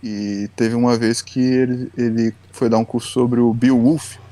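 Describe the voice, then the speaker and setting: A man's voice: medium pitch, level tone, measured pace, mellow. A man as the guest educator on a podcast, explaining at length in a patient, lecturing way. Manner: patient, lecturing, often tags lines with "né".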